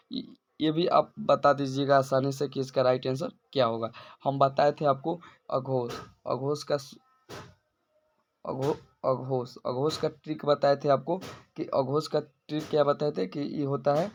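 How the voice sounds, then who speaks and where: A male teacher working through exam questions one by one, repeating and restarting phrases as he explains each answer. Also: medium pitch. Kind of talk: exam-prep lesson.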